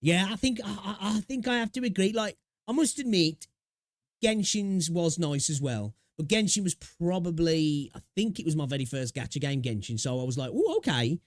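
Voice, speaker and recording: A man's voice: fairly high pitch, moderate pace, no echo, studio quality. A man giving casual, rambling reaction commentary on a game video, repeating himself and adding tag questions.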